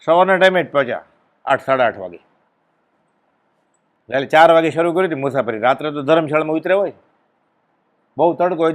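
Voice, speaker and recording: A man giving a devotional discourse, telling a story and acting out its dialogue with sudden loud exclamations. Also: on the high side. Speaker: spiritual discourse speaker.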